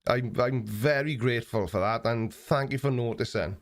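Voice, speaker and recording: An Australian man in his forties hosts a live stream, casually chatting and answering viewer comments. He sounds relaxed and plain-spoken, with lots of ums, a mid-range voice and a normal pace.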